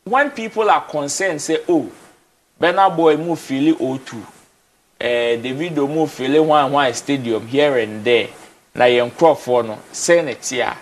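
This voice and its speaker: In an indoor TV studio, a young man with a Ghanaian accent talks casually as a guest, his voice medium-pitched and a little slow. He mixes Twi and English and repeats words for emphasis as he makes his case.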